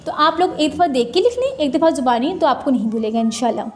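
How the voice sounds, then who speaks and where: High-voiced young woman vlogger. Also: animated, fast talker, a little hiss or hum. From Pakistan. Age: 20s. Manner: chatty, answers viewer questions one by one with practical advice. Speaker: student vlogger. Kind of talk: casual Q&A vlog. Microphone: mobile phone.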